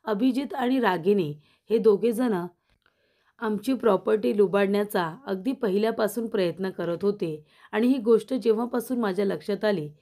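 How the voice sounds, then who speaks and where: A woman voicing a watchful, resolute young woman who calmly explains her reasons. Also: medium pitch, natural voice. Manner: determined, explaining.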